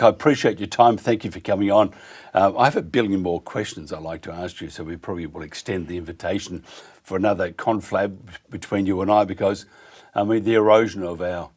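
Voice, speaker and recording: A male radio host with a low, husky voice chats through an interview. He is opinionated and rambles haltingly from thought to thought. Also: a little mellow.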